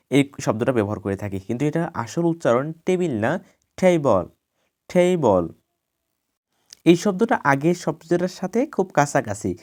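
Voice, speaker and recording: A man's voice: mid-range voice, darkish tone. Man patiently drilling pronunciations. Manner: repeats each word slowly and deliberately for emphasis. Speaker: English pronunciation teacher. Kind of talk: explanatory lesson.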